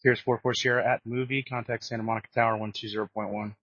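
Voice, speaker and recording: A man's voice: lowish voice, little pitch movement, quick pace, a bit bright, husky, no room sound. A man giving procedural instructions as an air traffic controller over radio. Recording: muffled dry aviation radio.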